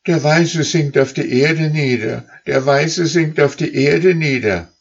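A man voicing a flock of wild geese who call out again and again in high, shrill tones from the back of the flock. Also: slow pace, creaky, highs cut off, exaggerated voice. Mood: urgent calling. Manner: shrill repeated calls.

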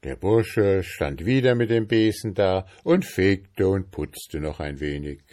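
A man reading a fairy tale aloud as narrator, in an unhurried storytelling manner. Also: deep voice, a little mellow.

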